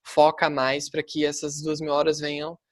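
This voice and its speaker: Man, Brazilian Portuguese accent, language teacher, casual debate, quick and chatty, dry close sound. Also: on the high side, monotone, no echo. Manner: quick and chatty, many fillers like "tipo" and "né".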